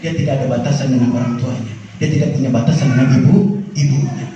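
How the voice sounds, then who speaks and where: A man's voice: mid-range voice, fairly even intonation, fast, warm tone, faint music behind. A man preaching a humorous sermon to mothers, playful and teasing, often putting questions to the audience. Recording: echoey hall, distant and dull mic.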